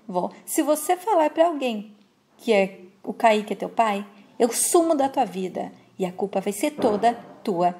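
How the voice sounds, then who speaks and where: A scheming young mother delivers threats in a cold, hushed way, as a woman retelling a soap opera voices her. The voice is fairly high with a soft, mellow tone. She speaks like a telenovela villainess. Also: animated, a little slow.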